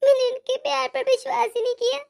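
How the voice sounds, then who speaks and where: A woman's voice: extremely high pitch, little pitch movement, fast talker, creaky, a little mellow, heavily acted. A woman voicing a timid young daughter-in-law who stammers and pleads. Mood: regretful. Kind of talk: cartoon voice acting.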